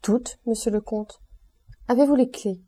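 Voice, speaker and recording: A woman's voice: a little high, unhurried, warm tone, voice pushed up. Woman reading an aloof, commanding count. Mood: cool, offhand. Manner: offhand, commanding. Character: aloof, wealthy, self-assured male count. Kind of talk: audiobook reading.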